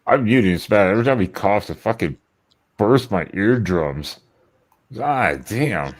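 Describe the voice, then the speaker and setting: A man talking on an online call in a casual sports chat, animated and swearing freely. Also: on the low side, a little slow.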